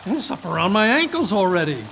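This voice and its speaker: A performer playing Dr. Watson, a flustered, blustering gentleman sidekick, stammering and exclaiming in old-time radio drama style. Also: mid-range voice, big pitch swings, brisk. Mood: alarmed. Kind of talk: old-time radio drama acting, live stage reading. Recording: live conference recording, background water noise.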